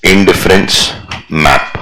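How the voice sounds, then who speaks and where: A man's voice: sits low, slow pace, music in the background, low-quality recording. A man teaching a commerce lecture in a mix of Hindi and English. He repeats key phrases again and again for his students to call back, and breaks off to scold them. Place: classroom with students.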